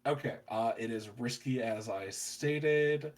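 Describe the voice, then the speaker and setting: A man's voice: medium pitch, slow pace, low-quality recording. A man narrating as game master of a tabletop role-playing game, describing scenes in a cinematic way.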